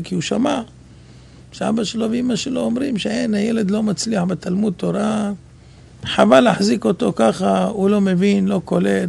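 A man giving an animated sermon, telling stories and acting out dialogue, sometimes rising to shouts. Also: sits high, gravelly, breathy edge. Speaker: rabbi preacher.

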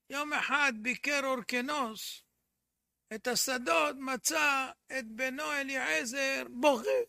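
A man teaching a religious lesson, telling a traditional story in an earnest way, often dropping to a quiet, intense tone for emphasis. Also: very high-pitched, vocal fry, no room sound, studio quality. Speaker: Torah teacher.

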